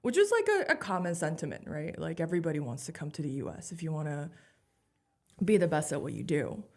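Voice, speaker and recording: A woman in her thirties from Taiwan, a comedian telling her life story in a candid, animated way with many "like"s. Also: low-pitched, brisk. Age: 30s. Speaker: guest comedian. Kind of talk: casual interview chat.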